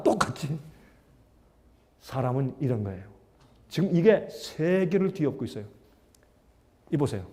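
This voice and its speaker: A man with a high, mellow voice preaches a sermon to a congregation. He drives his points with rhetorical questions and swings between loud and hushed. A long hall reverb trails every phrase. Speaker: pastor.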